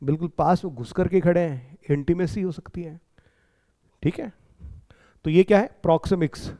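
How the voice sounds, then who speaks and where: A man teaching an exam-prep lecture in Hindi, with English lines in an Indian accent. He reads the English slowly and explains quickly, often asking rhetorical questions. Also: fairly high pitch, dark tone.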